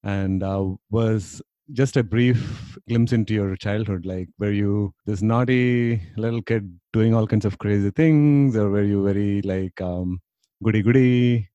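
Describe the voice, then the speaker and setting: A man's voice: on the low side, fairly even intonation, unhurried, mellow, no echo, dull audio. A man hosting a podcast, asking friendly, curious questions and laughing along. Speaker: podcast host. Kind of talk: casual interview chat.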